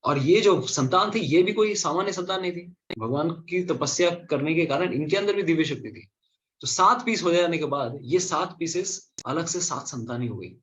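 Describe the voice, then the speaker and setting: A man giving an animated storytelling lecture at a scripture class, asking and answering his own questions. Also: a little high, moderate pace, slight background noise. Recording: slightly dull lo-fi recording.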